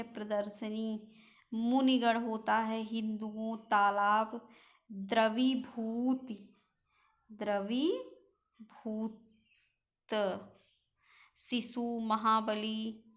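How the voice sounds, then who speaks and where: Lady teacher reading word lists slow and flat, fixing spelling mistakes, bit high voice. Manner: slow, reads out word lists and corrects common misspellings. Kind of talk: exam-prep spelling lesson.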